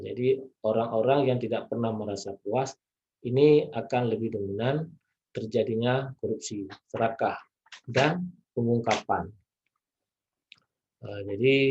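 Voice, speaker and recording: A man from East Aceh delivers a recorded lecture at a steady middle pitch. He speaks in a measured way and pauses often with hesitant filler sounds. The recording sounds dull and lo-fi. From East Aceh, Indonesia. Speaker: anti-corruption educator.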